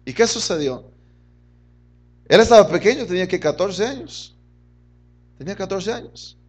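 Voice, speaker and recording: High-pitched pastor guy preaching hard, gets loud then drops way soft, keeps calling folks brother. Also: lively intonation, moderate pace, husky. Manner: fervent, swings between loud and soft, often says "hermano". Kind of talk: sermon.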